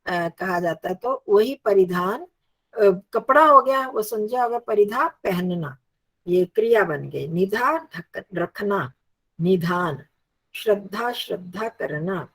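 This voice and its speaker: A woman's voice: mid-range voice, animated, slow pace. A woman teaching a Sanskrit lesson, patiently reciting and drilling word forms aloud.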